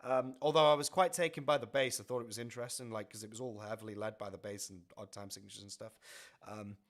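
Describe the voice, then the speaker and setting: A man chatting casually on a music reaction livestream, rambling and animated, with many fillers. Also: fairly low pitch, fast talker.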